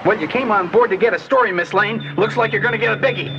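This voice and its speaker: A gruff, wisecracking plane captain. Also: male voice, high-pitched, quick pace, music in the background. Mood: dry. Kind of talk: 1980s audio drama acting. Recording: dull cassette sound with engine noise.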